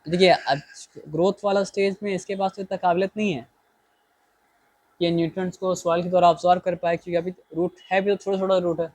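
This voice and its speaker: Male teacher, slightly high voice, very dry close sound, asks questions to the class as he explains. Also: little pitch movement, darkish tone, no echo, rough recording. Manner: explains in Hindi mixed with English, reads English lines slowly; keeps asking rhetorical questions. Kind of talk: bilingual biology lesson.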